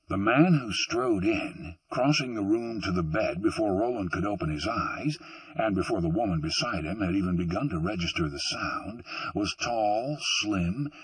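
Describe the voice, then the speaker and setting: A male audiobook narrator reads in a measured, deliberate way, his voice low and husky. The recording is dry and set back from the microphone. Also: no echo, recorded from a distance, rough recording. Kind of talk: scripted narration.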